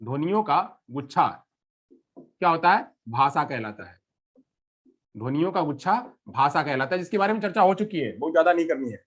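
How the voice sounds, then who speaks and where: A man's voice: a little high, lively intonation, a little fast, a bit bright. A male teacher giving a lecture, asking questions and answering them himself, with lots of repetition. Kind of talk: classroom lecture. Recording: lo-fi muffled recording.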